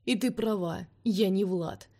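A woman voicing a fierce, scornful vampire man in an audiobook, speaking forcefully and commandingly. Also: mid-range voice, unhurried, close to an everyday voice. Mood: cold.

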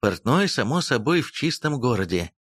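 A man narrating a first-person fantasy audiobook in an expressive, sardonic storytelling manner. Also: mid-range voice, moderate pace, husky, no room sound, clean studio sound.

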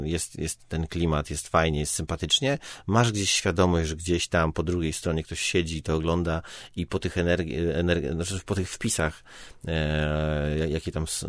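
A stage comedian and improviser appears as a podcast guest, speaking in a deep voice during casual conversation. He's informal and hesitant, thinking aloud and letting sentences trail off, recorded at studio quality with no echo.

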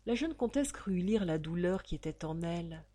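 A woman reading a novel aloud as an audiobook narrator, in an expressive, theatrical manner. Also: lowish voice, moderate pace. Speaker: audiobook reader.

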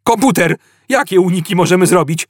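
A man voicing a brash, excitable male spaceship captain in an audiobook, loud and boastful. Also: on the high side, normal speed, breathy edge, dry recording, clean studio sound, voice pushed up.

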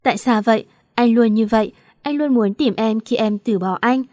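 A woman's voice: on the high side, normal speed, darkish tone, no room sound, studio quality, natural voice. A woman reading the lines of a torn, tearful young woman in an emotional, questioning lament. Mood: anguished.

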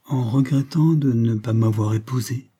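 A man voicing a tender, wistful young woman speaking softly and yearningly. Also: medium pitch, normal speed, slightly rough, natural voice. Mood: gently reproachful.

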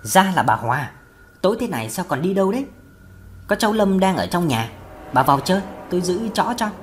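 A woman narrator puts on a grieving old village man, his voice pitched low and kept soft. He pleads through tears in broken phrases. His delivery swings widely in tone, as in a spoken ghost story. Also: sing-song, fairly quick, slight background noise. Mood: weary. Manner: broken, sobbing pleas.

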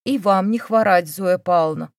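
A woman's voice: medium pitch, normal speed, a little mellow, no echo, clean studio sound, lightly acted. A woman voicing a cool, sarcastic young woman who mocks her mother's choices. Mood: mocking. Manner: mocking, cold.

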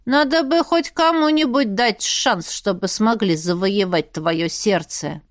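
A woman voicing a calm, wise male wolf familiar who speaks slowly in a drawn-out, almost sung way. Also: mid-range voice, no room sound, studio quality, close to an everyday voice. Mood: earnest.

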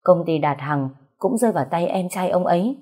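Coarse teasing young dude, blunt, low and dark, woman reading. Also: animated, a little fast, husky. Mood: rough. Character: blunt joking young man, rough friend.

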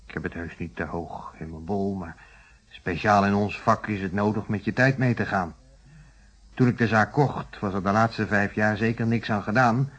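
A male actor with a Netherlands Dutch accent plays a troubled shopkeeper in a radio play, speaking with defensive candor in a plain-spoken, explanatory way. His voice sits on the low side and is slightly rough.

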